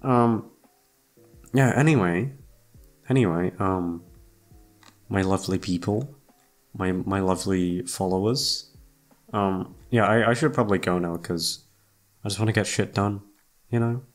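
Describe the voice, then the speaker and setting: Speaking low and unhurried with frequent pauses, a young adult man rambles to his audience while music runs in the background. He's a YouTube voice actor and channel host whose chat is hesitant and self-deprecating, laced with profanity, with thoughts that trail off.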